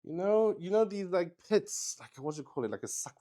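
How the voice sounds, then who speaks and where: This is a man hosting a roleplaying game for one player, improvising his casual narration, halting, repeating phrases and swearing mildly out of excitement. His voice sits high.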